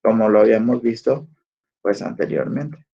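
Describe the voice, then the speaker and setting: A fairly low, gravelly male voice with a dark tone and breathy edge leads an online lesson. This teacher is slow and deliberate, asking his students questions. The recording sounds dull and lo-fi.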